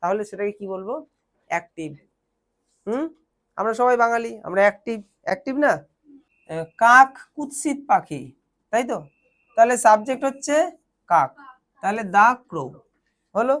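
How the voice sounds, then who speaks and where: A woman's voice: medium pitch, normal speed, pauses often. A young woman teaches children translation, patiently asking questions and answering them herself. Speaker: tutor.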